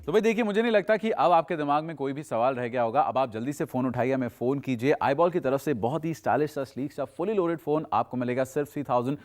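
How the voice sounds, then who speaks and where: Male TV shopping host, mid-pitched, persuasive salesman, unscripted demo with English phrases mixed in. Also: quick pace, few pauses, darkish tone, faint music behind. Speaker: teleshopping presenter. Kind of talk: unscripted product demonstration pitch.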